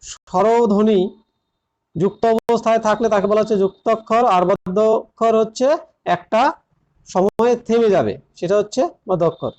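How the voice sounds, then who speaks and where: A man with a notably high voice works through an exam-prep grammar lesson one step at a time. He repeats the key points and keeps turning to his students as he explains. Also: moderate pace, a little mellow. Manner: addresses students directly. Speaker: teacher.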